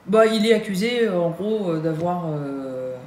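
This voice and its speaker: Une femme française, la trentaine, qui parle de son travail en vivant aux États-Unis, avec beaucoup d'hésitations et de faux départs. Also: female voice, fairly low pitch, expressive, a little slow, a little mellow. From France. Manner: hesitant, many fillers and restarts. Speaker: Nike employee in the US. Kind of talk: casual vlog chat. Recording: echoey room with faint hum.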